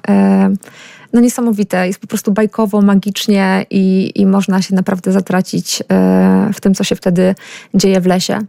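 A woman's voice: mid-range voice, creaky, dark tone, no room sound. A woman speaking as a radio guest, a forest bathing guide talking thoughtfully with many hesitations. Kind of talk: casual radio conversation.

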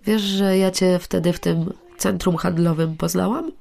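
An actress in a radio play voicing a burned-out, bitter middle-aged teacher who talks in a self-deprecating way. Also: female voice, on the low side, fairly even intonation, unhurried, creaky, a little mellow. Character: weary disillusioned woman teacher, middle-aged. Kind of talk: radio drama acting.

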